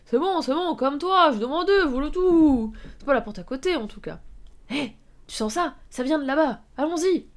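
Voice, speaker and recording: A woman's voice: high voice, lively intonation, fairly quick, pitched above the performer's own voice. A woman putting on a jeering brutish woodsman. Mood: boastful. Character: brutish leering male woodsman, crude and mocking.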